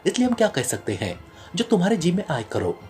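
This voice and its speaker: A man voicing a defeated woman agency chief, speaking quickly and pleadingly in an audio novel. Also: sits high, wildly swooping pitch, a little mellow, soft background music.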